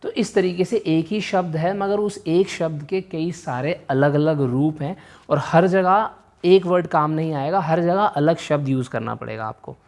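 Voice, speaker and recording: A man's voice: on the high side, measured pace, darkish tone. A man gives a vocabulary lesson on video, moving between Hindi and English as he talks. He restates each definition in several ways and keeps checking in with the viewer. He writes words out as he explains them. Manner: mixes Hindi and English, often checks in with "right?"; repeats and rephrases each meaning several times. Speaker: vocabulary teacher.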